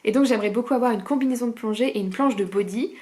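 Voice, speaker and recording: A woman's voice: fairly high pitch, rapid-fire, a little mellow, a little hiss or hum. Chatty Norman woman vlogging. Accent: Norman French. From Normandy, France. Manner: chatty and digressive, laughs often. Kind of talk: casual chat to camera.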